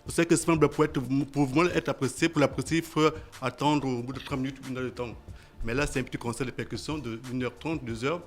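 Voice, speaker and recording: A man's voice: mid-range voice, steady tone, fast. A man managing a musician, talking casually in a radio interview, often stammering and repeating words. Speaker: artist's manager. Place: radio studio.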